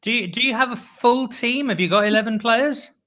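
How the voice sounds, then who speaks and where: A man's voice: very high-pitched, brisk, sharp tone. A man co-hosting a comic interview, bantering in a playful, mock-serious way. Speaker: co-host.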